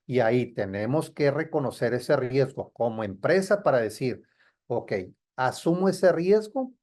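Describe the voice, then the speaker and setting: A man's voice: mid-range voice, lively intonation, a little slow, darkish tone. A man, a trade compliance consultant, explaining security rules in a didactic way and checking in with his listeners. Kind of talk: explanatory talk.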